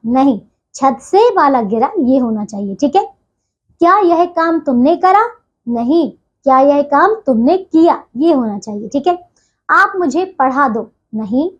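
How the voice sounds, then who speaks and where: A woman teaching a grammar lesson to young children, patiently correcting words one by one and checking in after each point. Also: high-pitched. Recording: dull lo-fi recording.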